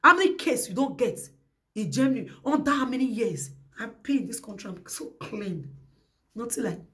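A woman speaking Nigerian Pidgin English, ranting at her followers with a confrontational, threatening delivery and loud bursts. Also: mid-range voice. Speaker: social media vlogger. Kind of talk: heated rant to followers.

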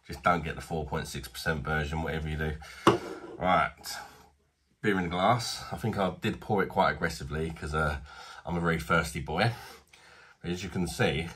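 This British man, in his thirties, has a rumbling low, husky voice that's a bit bright, and he talks at a moderate pace. He's reviewing a beer in his small home bar, chatty and blunt, often poking fun at himself.

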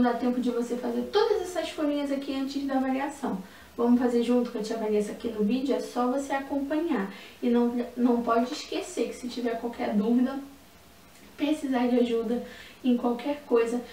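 Woman teacher, high voice, sing-song for young kids, recorded at a distance in a roomy space. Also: a little mellow. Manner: sing-song, slow and emphatic on key words, with diminutives. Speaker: primary school teacher. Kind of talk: recorded online lesson for young children. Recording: echoey room, mic at a distance, faint ambient noise.

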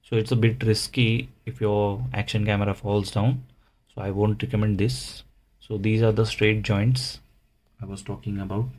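Low, even-toned man explaining casually. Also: moderate pace. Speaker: motovlogger, presenter. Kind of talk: casual how-to tutorial narration.

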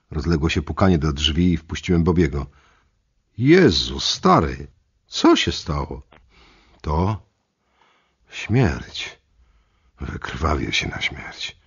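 A man narrating an audiobook in the first person, reading dramatically with big swings in loudness. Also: low-pitched, husky. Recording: dull lo-fi audiobook recording.

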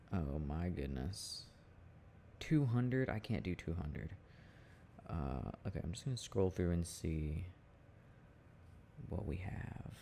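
In this intimate audio roleplay, a man plays an easygoing boyfriend who teases and chats with his partner in a relaxed, musing mood. He speaks low with a gravelly fry, in an exaggerated voice, pausing haltingly and chuckling between thoughts. Ambient noise lingers in the background.

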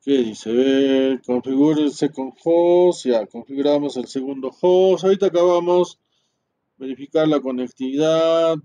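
A man walks through a networking tutorial at his computer. His voice sits a little high and he speaks slowly, pausing often. He thinks aloud, mutters to himself and keeps checking in with tag questions. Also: mellow, lo-fi sound. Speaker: networking instructor. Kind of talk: screen-recorded tutorial.

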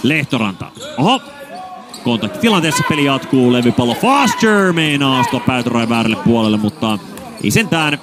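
A man's voice: medium pitch, crowd noise. Man calling a basketball game. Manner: rapid name calls, bursts of excitement on baskets. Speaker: play-by-play commentator. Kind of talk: live basketball commentary.

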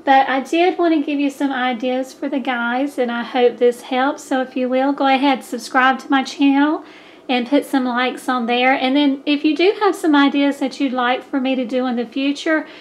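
Hoarse Southern woman hosting a craft vlog. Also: high voice, steady tone, normal speed, a little hiss or hum. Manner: chatty, many fillers. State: hoarse, losing her voice. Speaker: craft channel host. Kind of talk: casual crafting tutorial.

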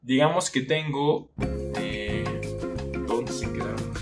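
A young language-learning YouTuber gives a casual spoken lesson in a mid-range voice, talking slowly over loud music. He keeps it conversational, asking the viewer lots of questions and acting out a teacher as he explains.

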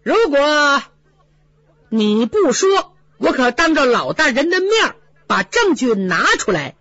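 A woman's voice: high voice, very animated, unhurried, fairly bright tone, dry recording, muffled recording, pitched above the performer's own voice, heavily acted. A woman playing a sneering palace steward. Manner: cold sneering, mocking, pressing. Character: sneering, pushy male palace steward, middle-aged.

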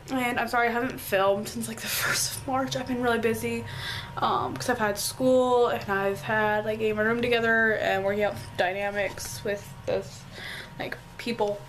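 Hoarse teen girl vlogging her bedroom. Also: on the high side, a bit bright, a little hiss or hum, low-quality recording. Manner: chatty, apologetic, lots of fillers. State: hoarse from a cold. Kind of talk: casual room tour vlog. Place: bedroom at home.

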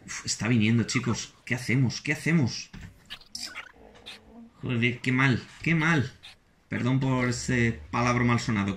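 A man with a Spain Spanish accent commenting on his own gameplay as a channel host, excitable and quick to repeat words in anxious bursts. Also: mid-range voice, background noise. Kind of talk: let's play commentary.

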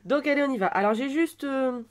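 A woman in her twenties chatting through an unboxing at home, gushing with soft exclamations. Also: high-pitched, a little fast. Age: 20s. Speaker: vlogger unboxing a birthday gift. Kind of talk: casual unboxing chat.

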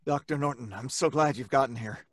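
An actor playing an anxious, disbelieving husband in an old-time radio horror play, earnest, halting and melodramatic. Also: male voice, mid-range voice, dry recording, clean studio sound, close to an everyday voice. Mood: worried. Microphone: close studio microphone.

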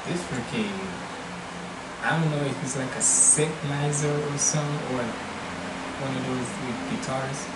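A man's voice: mid-range voice, fairly even intonation, unhurried. A man in his twenties casually chatting as a reaction video host, rambling and searching for words. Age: 20s. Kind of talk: casual chat reaction commentary. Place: small home room, indoors. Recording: roomy, loud fan noise behind. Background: loud fan hum.

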